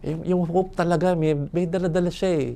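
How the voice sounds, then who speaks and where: Older male priest from Manila; relaxed storyteller's sermon, chatty, chuckling asides. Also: high voice, a little fast. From Manila, Philippines. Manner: conversational, chuckles and asks "no?" often. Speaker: priest giving a retreat talk. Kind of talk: reflective sermon with personal stories.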